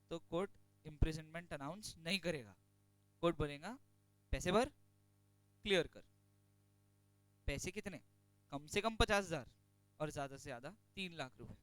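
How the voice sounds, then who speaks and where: Bright, high-voiced man teaching. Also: clear, resonant tone, dry recording. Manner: chatty, joking asides, dictates slowly from notes. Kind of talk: classroom lecture on company law. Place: classroom.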